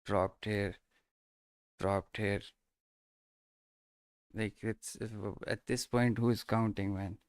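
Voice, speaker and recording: A man commenting on his trades live in an unhurried, drawn-out way, often trailing off into mutters and short bursts like "boom." His voice is smooth and clear. It sits close and dry, with no room echo. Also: steady tone. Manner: mutters and trails off, exclaiming at price moves. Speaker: live stream day trader.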